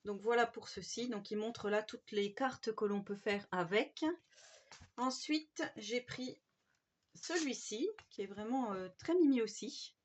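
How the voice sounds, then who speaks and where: A woman's voice: fairly high pitch, measured pace, a little hiss or hum. A woman casually showing off craft supplies she bought, chatty and gushing, with many fillers. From France. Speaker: craft vlogger. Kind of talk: casual haul show-and-tell. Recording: slightly dull home recording.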